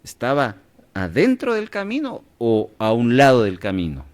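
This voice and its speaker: A man's voice: medium pitch, huge pitch swings, normal speed. A man leading a radio Bible class, quizzing his listeners and checking in often to see that they follow. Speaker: Bible study teacher.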